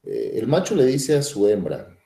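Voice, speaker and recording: A male biology teacher, lecturing in a playful, chatty style full of tag questions. His pitch swings widely and his tone is dark and mellow. The room around him is echoey. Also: wildly swooping pitch, normal speed. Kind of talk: animated classroom lecture.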